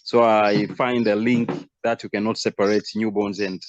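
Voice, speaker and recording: A man from Tanzania, a doctor, introducing himself on a video call, halting and laughing lightly. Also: lowish voice, little pitch movement, a little hiss or hum. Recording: dull, lo-fi call audio.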